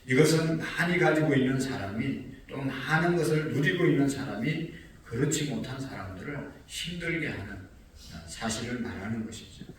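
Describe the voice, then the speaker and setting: Male pastor, dawn sermon, earnest, voice in the middle range, distant mic in an echoing sanctuary with faint background hum. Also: mid-range voice. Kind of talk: early-morning sermon. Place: church sanctuary.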